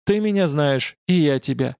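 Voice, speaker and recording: A man reading an audiobook, voicing a flippant young female demon who talks quick and pleading. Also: on the high side, animated, gravelly, a little mellow, clean tone, no room sound, clean studio sound. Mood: eager.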